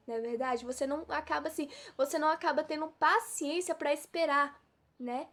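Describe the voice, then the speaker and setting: A woman from giving an informal devotional sermon, always throwing rhetorical questions at her listeners. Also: high-pitched. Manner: preachy, full of rhetorical questions. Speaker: preacher.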